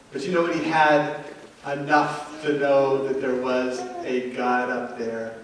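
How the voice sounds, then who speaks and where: A woman preacher giving a sermon, earnest and reassuring, with long pauses. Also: deep voice, a little hiss or hum. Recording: echoey hall from far off.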